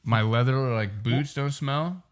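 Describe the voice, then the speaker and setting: Chill young dude on a podcast, slangy, swears a lot, casual chat. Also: male voice, medium pitch, a little slow. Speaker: podcast co-host.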